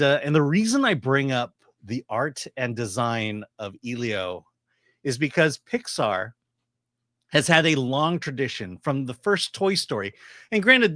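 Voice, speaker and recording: A middle-aged man giving casual movie commentary as a reviewer, explaining his opinions in a halting, opinionated way. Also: a little high, a bit bright, no echo, clean studio sound. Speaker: film reviewer.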